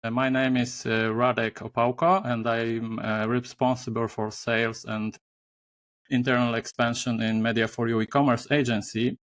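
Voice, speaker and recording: A male podcast host with a mid-pitched voice asks questions haltingly. He fills his pauses with many hesitation sounds. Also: steady tone, a bit bright. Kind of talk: conversational interview.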